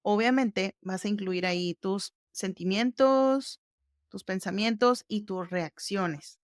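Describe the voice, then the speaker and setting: Smooth-voiced woman explaining step by step. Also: mid-range voice, slow pace, dry recording, clean studio sound. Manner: explains step by step, conversational, warm fillers like "ujú". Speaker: podcast host. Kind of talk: casual podcast chat.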